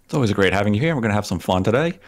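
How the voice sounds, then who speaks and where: A man's voice: lowish voice, animated, rapid-fire. Southern man hosting a polished podcast. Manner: polished radio-style delivery. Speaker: podcast host. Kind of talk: casual podcast chat.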